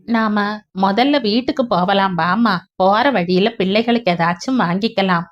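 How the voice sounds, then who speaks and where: A woman's voice: mid-range voice, measured pace, lightly acted. Woman doing a kind, soothing helper woman. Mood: gentle. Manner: gentle, soothing, coaxing. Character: kind, caring working-class woman helper. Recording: dull lo-fi recording.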